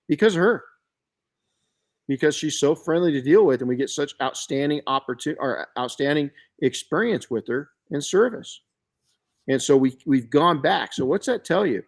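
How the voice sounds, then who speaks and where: An older man hosting a podcast, telling stories in an animated way with frequent restarts. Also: a little high. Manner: animated storyteller with many restarts. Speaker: podcast host. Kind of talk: casual podcast chat.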